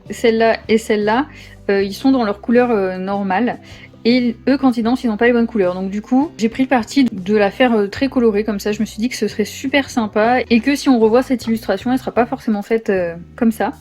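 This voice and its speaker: A woman chatting casually as she shows her finished coloring pages, with lots of filler pauses. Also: on the high side, a little mellow. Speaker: coloring channel host. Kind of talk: casual show-and-tell narration.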